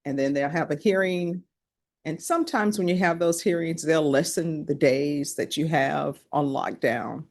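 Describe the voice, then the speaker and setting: A woman judge presiding in a courtroom, running through formal legal admonishments in a brisk, practiced way. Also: deep voice. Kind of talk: courtroom proceedings.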